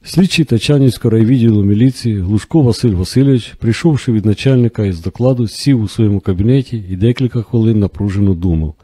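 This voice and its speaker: Dark-voiced male audiobook narrator. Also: on the low side, fast, hardly any pauses, no echo. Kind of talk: scripted narration.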